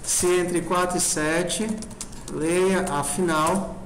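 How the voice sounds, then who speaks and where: A man's voice: sits high, steady tone, very slow, a bit bright. A man teaching a programming class in a classroom, talking informally and checking in with the class often. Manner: informal, asks the class constant check questions. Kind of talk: classroom lecture. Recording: roomy classroom recording with faint noise.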